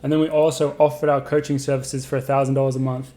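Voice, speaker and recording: A man's voice: mid-range voice, little pitch movement, fast, warm tone. Guy hosting a podcast, upbeat and jokey, normal voice. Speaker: podcast host. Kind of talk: casual chat.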